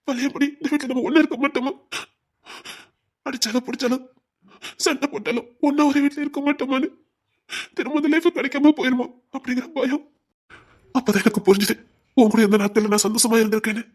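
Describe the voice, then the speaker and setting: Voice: high voice, steady tone, brisk, long pauses. A performer playing a remorseful, short-tempered husband in an audio drama, apologetic and pleading, with a Tirunelveli Tamil accent. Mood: tearful.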